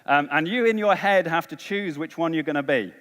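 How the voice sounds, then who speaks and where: A man's voice: fairly high pitch, a little fast, a bit bright. A man giving a conference talk, coaxing and rallying a large audience through a game. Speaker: conference speaker. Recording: long hall reverb.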